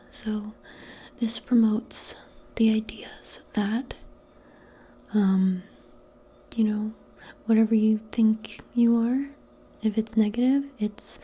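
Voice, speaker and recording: This is a woman's ASMR roleplay, delivered softly and largely as a breathy whisper at a medium pitch. She comes across as gentle and reassuring, if a bit hesitant.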